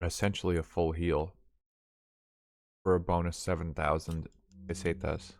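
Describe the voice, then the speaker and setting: A man's voice: low-pitched, flat delivery, measured pace, gravelly, darkish tone, dry recording. A man streaming a video game, rambling and thinking aloud in casual commentary, swearing now and then.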